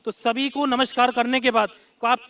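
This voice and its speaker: High-voiced man answering as a professor. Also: flat delivery, moderate pace, fairly bright tone. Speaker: professor in the audience. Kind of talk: answering questions at a public Q&A.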